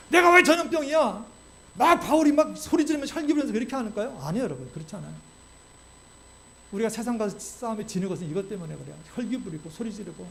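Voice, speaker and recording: A male pastor preaching a sermon in a church, animated and constantly checking in with the congregation through rhetorical questions. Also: sits high, a little hiss or hum. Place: church sanctuary.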